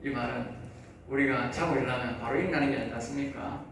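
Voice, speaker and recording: Gyeongsang accented pastor guy, gravelly, talks to the room like a chat, heard from far off w faint hiss. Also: mid-range voice, fairly even intonation, fast talker, a bit bright. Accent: Gyeongsang Korean. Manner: conversational preaching with rhetorical questions. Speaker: pastor teaching at a seminary. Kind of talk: sermon lecture. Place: church lecture hall. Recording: echoey hall, mic far off, faint noise.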